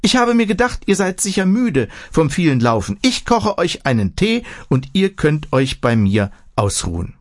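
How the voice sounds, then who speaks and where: A man's voice: fairly high pitch, big pitch swings, moderate pace, few pauses, no room sound, clean studio sound, pitched above the performer's own voice. A man voicing a plump old village woman who pants and chatters eagerly as she invites guests in. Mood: eager welcoming. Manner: breathless, eager, pious chatter.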